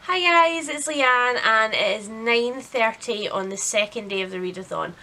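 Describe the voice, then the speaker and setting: A book vlogger chats casually and candidly to camera, a little self-deprecating. Her voice is a little high, a little slow, pushed and bright.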